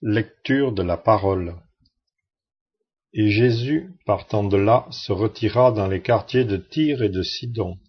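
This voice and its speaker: Husky low-voiced man reading scripture. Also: unhurried. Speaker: scripture reader. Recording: muffled lo-fi recording.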